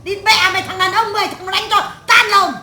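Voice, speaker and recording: A woman medium channeling a shrill, cursing old grandmother spirit. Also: steady tone, brisk, pushed and bright, exaggerated voice. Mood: ranting. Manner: harsh, crude, cursing tirade. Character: stern old great-grandmother spirit scolding family. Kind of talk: séance spirit possession. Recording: echoey room.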